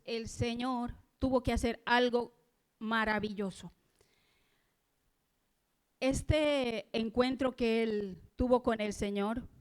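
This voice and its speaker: A woman's voice: a little high, smooth. A woman preaching a sermon in a church, earnest and reflective, asking her listeners questions.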